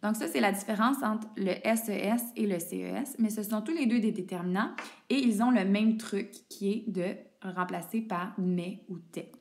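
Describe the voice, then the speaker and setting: A woman's voice: mid-range voice, moderate pace, darkish tone. A woman, patiently explaining spelling rules step by step to a student and spelling words out letter by letter. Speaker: teacher. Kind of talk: explaining French homophones to a student.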